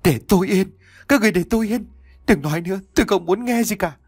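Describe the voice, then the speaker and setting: A man's voice: sits high, brisk, no room sound, studio quality, pitched above the performer's own voice. A man voicing a terrified young boy who cries and pleads in a horror story. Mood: desperate. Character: frightened young boy, sobbing and desperate.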